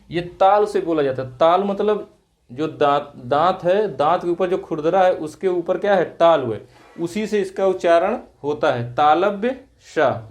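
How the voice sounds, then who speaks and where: Guy teaching hindi grammar, keeps asking then answering himself, slow stretched words, kinda high voice. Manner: repetitive call-and-response questioning, stretched drawn-out answers. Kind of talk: exam-prep lesson.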